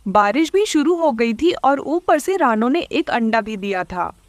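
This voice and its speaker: A woman narrating a cartoon story in an expressive, storytelling way. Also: on the high side, unhurried, no room sound.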